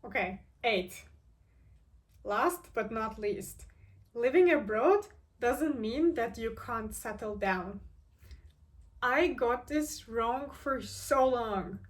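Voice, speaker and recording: This Turkish vlogger of twenty-three has a higher voice with lively intonation and a slow pace, picked up from afar. She thinks aloud to camera in a casual, earnest way, often saying "like" and starting over.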